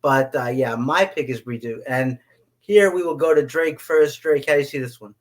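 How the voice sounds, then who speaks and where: A man's voice: mid-range voice, moderate pace. Man hosting a casual sports podcast. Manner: hesitant, many fillers and restarts. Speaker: podcast host.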